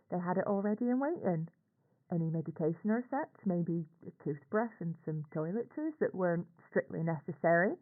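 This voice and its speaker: Here the actress's voice sits fairly low as she confides, halting and colloquial, in the role of a middle-aged working-class aunt with a Northern English accent. The character, a nurse, is anxious and ashamed while recounting events in this scripted confessional monologue for a horror audio log. It comes through a radio- or telephone-like filter, giving a tinny, band-limited recording.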